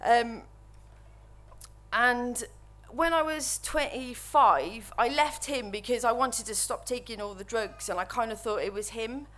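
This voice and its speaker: A Welsh woman in her thirties nervously tells her recovery story while standing at a microphone before an audience. Her voice is slightly high and a bit bright, and her testimony is halting and full of restarts.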